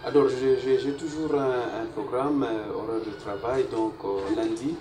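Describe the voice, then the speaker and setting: A man's voice: mid-range voice, steady tone, normal speed. A man, answering as a guest artist in a casual interview, laying out his plans at length and mixing in Swahili words. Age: 40s. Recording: echoey room, distant mic, noisy.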